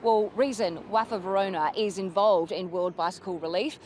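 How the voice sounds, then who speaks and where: A woman presenting a news interview, introducing guests and asking clear, brisk questions. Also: medium pitch, steady tone, darkish tone, slight background noise.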